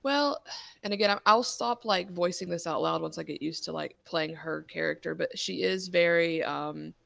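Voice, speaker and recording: A woman chats as a player in a tabletop fantasy game, upbeat and thinking aloud. Her voice is bright, with a gravelly fry. The sound is dry and close. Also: lowish voice, moderate pace, dry recording. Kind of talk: casual tabletop game chat.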